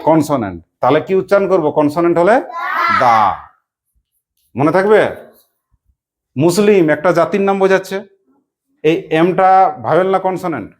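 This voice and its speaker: A teacher giving a classroom lesson, quizzing pupils with repeated questions and briskly praising correct answers. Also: medium pitch, background noise.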